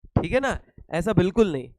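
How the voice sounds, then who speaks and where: Teasing his students, a young Indian-accented teacher lectures online, posing questions and answering them himself at a normal speed. His high, slightly hoarse voice has a darkish tone and big pitch swings, and the low-quality recording sounds close and dry without any echo.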